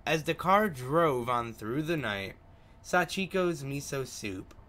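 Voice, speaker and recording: With a medium-pitched, sharp-toned voice, this man hosts a gaming video. He makes casual remarks and reads the game's text aloud. Now and then he trips over words.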